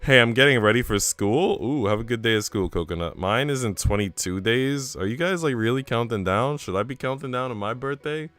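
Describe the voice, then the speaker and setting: With soft background music and no room sound, a male game streamer narrates a visual novel in an expressive, slightly bright medium-pitched voice, a little fast with few pauses. Chatty, casual asides to viewers fill the gaps between narrated passages.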